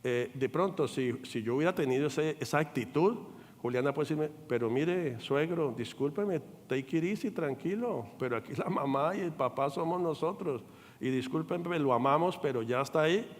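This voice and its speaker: An older man, a pastor, preaching a sermon with animated delivery, acting out quoted voices and checking in with the congregation. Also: a little high, normal speed, in a large hall. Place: church sanctuary.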